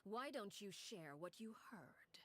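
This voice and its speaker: A woman voicing a cold, commanding female leader in a game, speaking in a hushed, breathy whisper with calm menace. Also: mid-range voice, slow pace, slight background noise. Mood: menacing calm.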